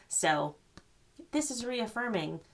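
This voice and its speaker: An older woman giving a gentle, rambling spiritual card reading, full of fillers and reassurance. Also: fairly high pitch, sing-song, slow pace, creaky, a little hiss or hum. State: choked up. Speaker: psychic reader.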